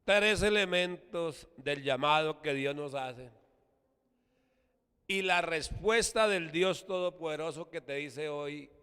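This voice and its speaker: A man's voice: on the high side, slow, pushed and bright, clean tone. A man preaching a sermon in a Colombian Spanish accent, emphatic and repetitive, leading his congregation in call-and-response. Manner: emphatic, repeats "hermano" and has the congregation repeat words. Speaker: apostle preaching. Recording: long echoey hall reverb.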